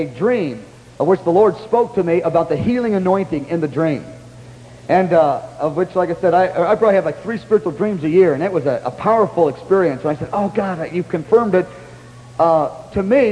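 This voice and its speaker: A man preaching a testimony in a sermon, telling his story with animated, excitable exclamations. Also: high voice, a little fast, in a large hall, slight background noise, low-quality recording. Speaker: pastor.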